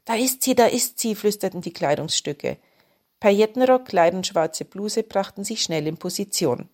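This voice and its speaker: A woman reads short stories aloud at an unhurried pace. Her delivery is calm and descriptive, lingering on lists of colours and patterns, with a middle pitch. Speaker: narrator. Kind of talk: storybook reading.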